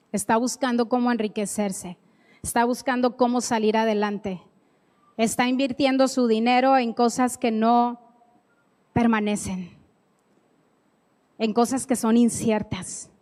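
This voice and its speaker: A woman's voice: a little high, measured pace, pauses often, darkish tone. A woman preaching a sermon in a church, emphatic and repeating key phrases, with playful asides. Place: church sanctuary. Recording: echoey hall with long reverb.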